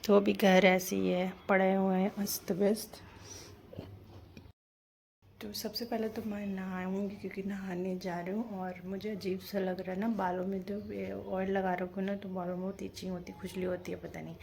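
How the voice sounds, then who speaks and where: A young woman, a family vlogger, chats casually from her bedroom in a home vlog, rambling and talking to her baby. Her medium-pitched voice is gravelly and fairly flat, at a normal speed. Loud street traffic comes in through the open door.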